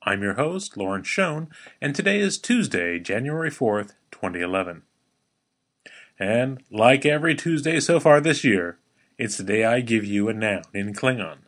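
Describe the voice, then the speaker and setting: Lively, wry male podcast teacher. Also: lowish voice. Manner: playful, wry teacher with dry jokes; slows down to spell out and model pronunciation. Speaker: podcast host teaching a language. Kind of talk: scripted podcast lesson.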